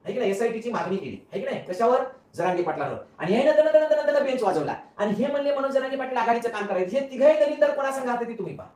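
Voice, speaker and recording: A man rattles off a mocking political rant at breakneck speed, throwing in rhetorical asides again and again. He sits back from the mic, and the room rings around him. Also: very high-pitched. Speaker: political commentator. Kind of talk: casual political rant to viewers. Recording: roomy, from a distance off mic.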